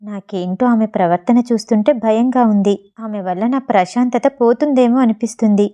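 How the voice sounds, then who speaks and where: A woman's voice: fairly high pitch, close to an everyday voice. A woman reading the lines of a young actress who is anxious and blunt. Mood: fearful. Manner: expressive, quick to irritation.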